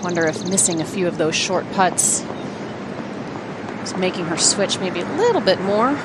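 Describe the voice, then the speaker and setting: A woman's voice: fairly low pitch, expressive, moderate pace. A woman giving conversational, technical analysis as a golf commentator. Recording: very noisy outdoor broadcast sound.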